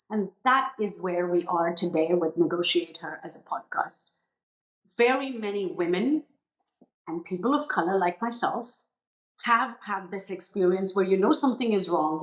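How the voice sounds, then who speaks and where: A middle-aged woman from India hosting a podcast, speaking in a measured, earnest way and setting out her points in short phrases. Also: lowish voice, echoey room, poor audio. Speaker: podcast host. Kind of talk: reflective podcast talk.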